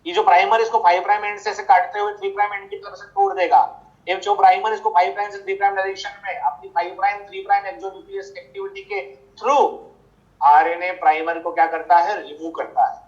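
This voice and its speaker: A man's voice: high-pitched, fast. Man teaching biology, self-answering questions. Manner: rhetorical questions answered by himself; repeats key points. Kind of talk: online class lecture. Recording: slightly dull lo-fi audio.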